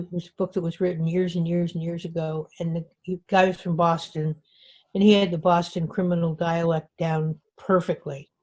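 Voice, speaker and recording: A woman's voice: lowish voice, a little mellow, muffled recording. A woman author giving an informal talk to a writers group, speaking conversationally with frequent restarts. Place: meeting room.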